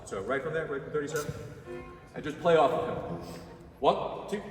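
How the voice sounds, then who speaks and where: A man conducting an orchestra rehearsal who gives brisk, encouraging instructions, sings rhythms on "ba" syllables and counts the players in. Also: on the high side, over loud music. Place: large concert hall. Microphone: distant room mic. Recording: echoey concert hall from far off, orchestra behind.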